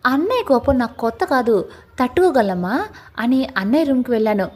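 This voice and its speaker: A woman narrating a first-person family story in a lively, expressive reading. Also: a little high, fairly quick, slightly rough.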